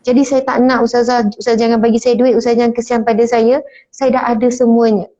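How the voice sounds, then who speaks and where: Here is a poor, devout young mother pleading earnestly and gratefully, as a woman recounts her. The voice sits fairly high. The recording is muffled and lo-fi. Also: flat delivery, quick pace, dark tone, close to an everyday voice. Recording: muffled lo-fi sound.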